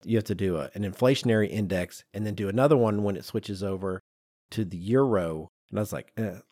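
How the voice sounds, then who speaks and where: A man on the low side of the pitch range talks briskly with a warm tone, co-hosting a podcast and animatedly telling stories in an emphatic, self-deprecating, conversational manner. The studio sound is clean, with no echo.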